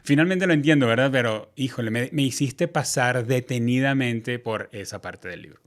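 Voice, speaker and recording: Guy hosting a podcast, chatty, talks kinda fast, jokey about himself. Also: mid-range voice. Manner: quick, chatty, with self-deprecating asides. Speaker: podcast host. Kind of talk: casual interview chat.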